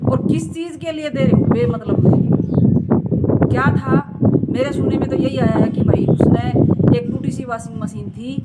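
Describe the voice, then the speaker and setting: A woman's voice: sits high, fairly even intonation, measured pace. A woman vlogger, scolding her viewers in an impassioned rant full of rhetorical questions. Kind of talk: impassioned talking-to-camera rant. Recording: loud background noise.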